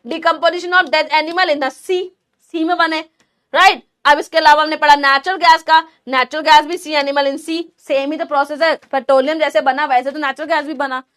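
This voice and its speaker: High-voiced teacher running a live class. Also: female voice, fairly even intonation, moderate pace, fairly bright tone. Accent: Indian English mixed into Hindi. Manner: addresses students as beta, asks and answers her own questions. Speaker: online chemistry teacher. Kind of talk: live online class lecture.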